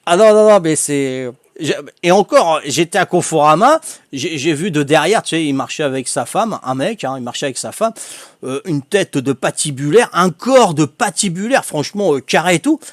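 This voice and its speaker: Older man, game streamer, casual storytelling, laughs often, high-pitched, dry recording. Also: expressive, normal speed, no room sound. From Corsica. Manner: chatty, laughs at his own stories.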